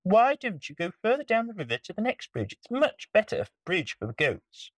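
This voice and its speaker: A woman reading a storybook aloud and voicing a tiny, timid spider in a high, hesitant voice. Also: big pitch swings, normal speed, no echo, distant mic.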